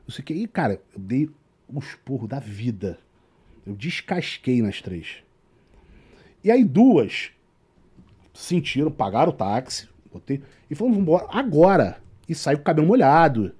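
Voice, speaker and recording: A Brazilian-accented man, a tour guide, tells a story in relaxed conversation. His voice swings widely as he acts out what everyone said. The tone is warm and dark with a husky edge. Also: mid-range voice, normal speed, long pauses. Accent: Brazilian Portuguese. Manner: animated storyteller acting out quoted dialogue. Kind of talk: casual storytelling chat.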